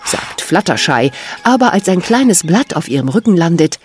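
A woman's voice: fairly low pitch, big pitch swings, moderate pace, a little mellow, slight background noise. A woman narrator reading a scripted children's story. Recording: music underneath.

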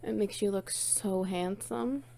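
A woman's voice: mid-range voice, slow, creaky, warm tone, a little hiss or hum. A woman playing a playful, teasing, bossy friend in an intimate one-sided audio role-play, coaxing and doting on the listener. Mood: affectionate, cooing. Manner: teasing, coaxing, cooing praise.

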